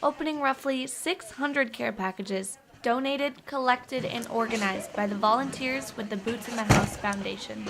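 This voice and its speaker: Young woman reporter's bright, crisp narration. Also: on the high side, moderate pace, hardly any pauses, noisy background. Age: young adult. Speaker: student reporter. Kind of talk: scripted news narration.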